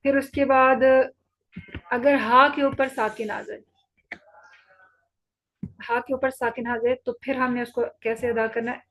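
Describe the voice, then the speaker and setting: A woman's voice: a little high, little pitch movement, a bit bright, poor audio. A woman teaching an online Quran recitation lesson, patiently repeating each rule and checking that students follow. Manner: patient, repeats rules slowly and checks understanding. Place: online class.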